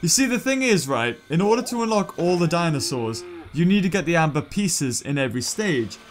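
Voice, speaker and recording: A young British man giving casual gameplay commentary in a goofy, jokey, excitable way. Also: a little high, fairly quick. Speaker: gaming YouTuber.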